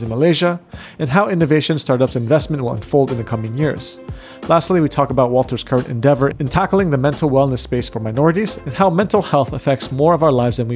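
In Kuala Lumpur, a man hosts an interview podcast, first reading a measured introduction and then asking questions in a friendly, chatty manner. His voice is mid-range and a little mellow.

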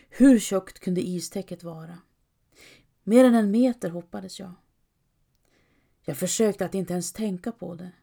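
A woman narrating a story in the first person, in a measured, intimate storytelling manner. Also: mid-range voice, mellow. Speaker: audiobook narrator.

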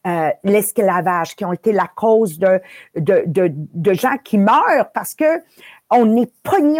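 Woman host, fairly high voice, dry close sound, motivational talk that mixes in English. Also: a little mellow, no room sound. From Italy. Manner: mixes English phrases into French. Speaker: podcast host. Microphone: live video call.

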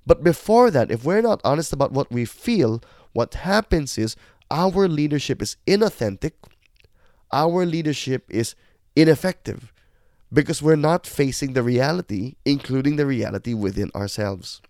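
A man's voice: mid-range voice, expressive, normal speed, darkish tone, no echo, clean studio sound. A middle-aged man, hosting a reflective podcast monologue in a candid, self-deprecating, conversational way. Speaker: podcast host.

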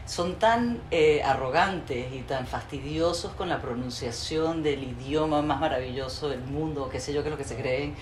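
In a casual interview chat, the female host speaks in long, flowing sentences, effusive and full of opinions, at normal speed with hardly any pauses. She has a low voice, and the recording has an echoey room and faint ambient noise.

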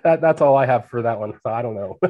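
A man's voice: mid-range voice, expressive, fairly quick, narrow, tinny audio. Man, air traffic controller and guest. Plain, practical explainer with easy laughs, speaking over a remote call. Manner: explains plainly, laughs easily, many restarts. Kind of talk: conversational interview.

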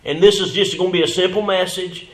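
A man's voice: high voice, steady tone, fast talker, fairly bright tone. A man preaching a sermon as pastor, peppering his talk with amens and hallelujahs. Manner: reads scripture in old-fashioned wording. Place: church sanctuary. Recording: echoey church room.

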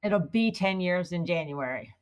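A woman's voice: lowish voice, expressive, normal speed. A woman guest in an interview, explaining her work fluently with frequent "you know" fillers. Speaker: guest, corporate affairs executive at a utility. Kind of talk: casual interview conversation.

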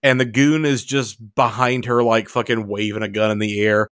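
A man's voice: fairly low pitch, normal speed, clean tone, no echo, studio quality. A man co-hosting a horror movie podcast, chatting casually and acting out scenes he retells. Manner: animated storytelling, acts out movie lines. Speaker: podcast co-host. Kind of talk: casual chat.

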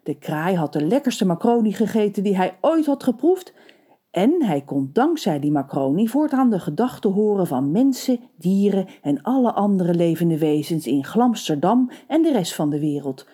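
Playful, mellow-voiced female storyteller. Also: mid-range voice, moderate pace, slightly rough. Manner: playful, expressive. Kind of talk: scripted story narration.

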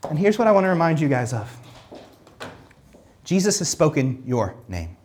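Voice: medium pitch, big pitch swings, moderate pace, a little mellow, slight background noise. A pastor teaching casually from the Bible, reading scripture aloud and then building emphatic points with repeated phrases and many "like" fillers. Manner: reads scripture aloud between comments.

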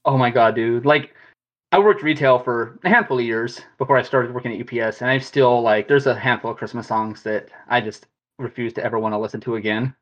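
A man's voice: mid-range voice, a little fast. A man co-hosting a podcast in casual chat, rambling and slangy. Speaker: podcast co-host. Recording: dull lo-fi sound.

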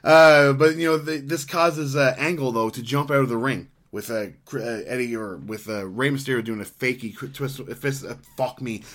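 A man's voice: mid-range voice, steady tone, moderate pace, few pauses, fairly bright tone. Rambling, profane man recapping wrestling. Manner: rambling, profane, laughs often, frequent fillers. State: hiccuping. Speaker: podcast co-host. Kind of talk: casual wrestling recap chat.

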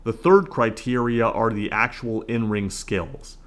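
A man hosting a podcast, giving scripted solo commentary in a measured, announcer-like way. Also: lowish voice, steady tone, fairly bright tone. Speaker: podcast host.

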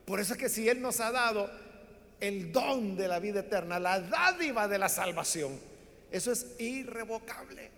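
A man preaching a sermon, telling a Bible story in an animated way and acting out the people in it. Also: sits high, normal speed. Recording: long hall reverb.

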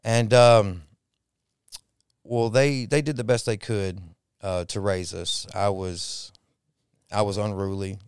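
A man, likely in his thirties, telling his life story as an interview guest in a halting, reflective way with frequent pauses. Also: lowish voice, steady tone, clean tone, no echo, clean studio sound. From Texas, raised in Mississippi. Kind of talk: personal testimony interview.

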